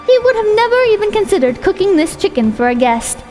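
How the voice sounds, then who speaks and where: A woman's voice: very high-pitched, big pitch swings, quick pace, dark tone. A woman reading a short story aloud as its narrator. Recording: long hall reverb with music.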